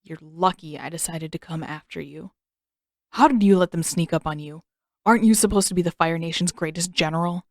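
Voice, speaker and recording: A woman's voice: fairly low pitch, a little fast, darkish tone, no room sound, studio quality, lightly acted. A woman voicing an irritated, scornful teenage prince in an audiobook story, with curt, scolding delivery.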